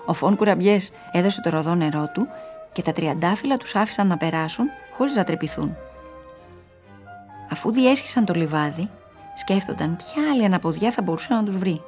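Lower-voiced woman narrator, storybook reading, lively, faint music under.

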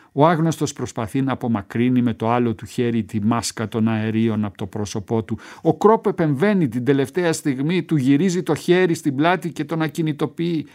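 A man reading a first-person war story aloud in a measured, tense storytelling manner. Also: medium pitch, darkish tone. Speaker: narrator.

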